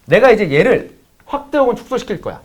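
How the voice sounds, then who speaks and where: A man's voice: sits high, very animated, quick pace. A man teaching math to students, mixing a blunt, profanity-laden personal story into a casual lecture. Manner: blunt, swears freely, talks straight to students.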